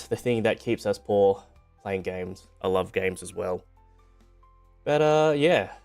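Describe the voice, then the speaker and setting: A man with a fairly low, clean and smooth voice talks as a streamer to his viewers. His delivery is informal and rambling, with light self-deprecation and a loose conversational feel. Music plays faintly behind him. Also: darkish tone. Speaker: VTuber streamer on debut stream. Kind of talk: casual livestream chat. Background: background music.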